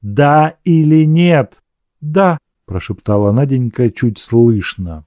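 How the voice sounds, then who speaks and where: A man narrating a classic novel in a measured, even storytelling manner. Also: mid-range voice, dry recording. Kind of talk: audiobook reading of a classic novel.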